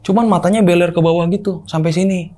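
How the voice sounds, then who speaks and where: A young man casually telling a story, animated and acting out other people's voices. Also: high voice, fast. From Indonesia. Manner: animated, acts out quoted voices. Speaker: guest storyteller.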